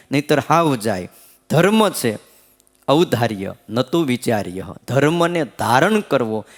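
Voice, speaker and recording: A swami giving a sermon, telling folksy stories and checking in with his listeners through short rhetorical questions. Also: on the high side. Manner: folksy, lively storytelling. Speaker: swami giving a scripture discourse. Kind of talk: sermon storytelling.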